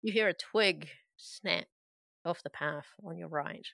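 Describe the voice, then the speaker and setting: A woman runs a tabletop game, sliding between narration and casual banter. She is wry and sarcastic, with a bright, forceful voice pitched a little low and recorded very dry. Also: measured pace, gravelly, no echo. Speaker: game master.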